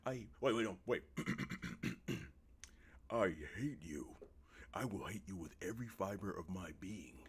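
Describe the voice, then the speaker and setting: A bitter, betrayed wife pours out her anger in a game scene, read aloud by a man. The delivery swings widely in pitch and runs hot with feeling. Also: expressive, normal speed, pushed and bright. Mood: furious.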